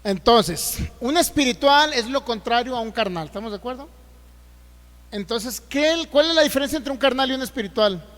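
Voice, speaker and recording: A male pastor with a Mexican accent preaching a sermon, reading scripture slowly and loudly and then explaining it with rhetorical questions. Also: very high voice, animated, big-room sound. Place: church hall.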